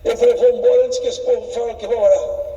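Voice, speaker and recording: High-pitched fervent Brazilian preacher, echoey hall. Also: male voice, fairly even intonation, quick pace, distant mic, muffled recording. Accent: Brazilian Portuguese. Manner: fervent, exclamatory, swings from loud cries to quiet asides. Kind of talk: sermon with personal testimony.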